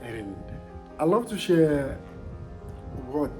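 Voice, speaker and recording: A vlogger with a Ghanaian accent narrates a personal vlog to viewers in a reflective, conversational way, repeating points for emphasis. The mid-range voice is sing-song with drawn-out words, and music plays in the background.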